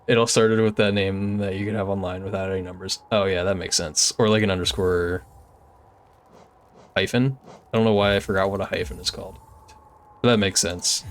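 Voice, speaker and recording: A young man streaming a game, chatting casually with his chat and sprinkling in lots of "like"s. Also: fairly low pitch. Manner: chatty and easygoing, many filler "like"s. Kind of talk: casual gameplay commentary, reading chat.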